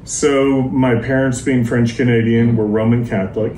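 A man from Dallas, Texas, a pastor telling his life story in an interview with measured, steady storytelling. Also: medium pitch. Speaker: pastor, guest. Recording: echoey, distant mic, faint noise.

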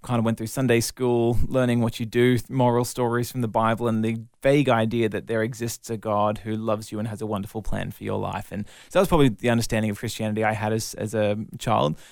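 An Australian man in his thirties, an evangelist, telling his life story in a relaxed interview with a self-deprecating, articulate manner. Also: lowish voice, fast talker, gravelly, hardly any pauses, no room sound, studio quality. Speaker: guest, evangelist.

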